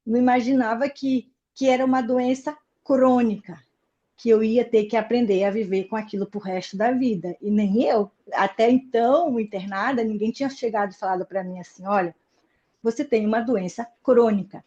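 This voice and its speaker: High-voiced Brazilian woman telling her story. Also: steady tone, moderate pace, mellow, muffled recording. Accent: Brazilian Portuguese. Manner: emotional, earnest, with frequent restarts. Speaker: interview guest. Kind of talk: personal life story told in an interview.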